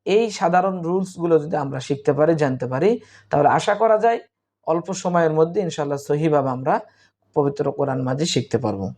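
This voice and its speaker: A man teaching Quran reading in Bengali, spelling out letters and vowel marks slowly and repeating syllables for students. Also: fairly high pitch, darkish tone. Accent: Bangladeshi Bengali. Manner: slow, drawn-out spelling of letters and vowel marks, then recited Arabic words.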